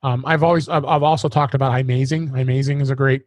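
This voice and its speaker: A man hosts a casual tech podcast, talking fast in a steady, medium-pitched voice with no echo. He rambles along, often repeating words as he restarts his sentences.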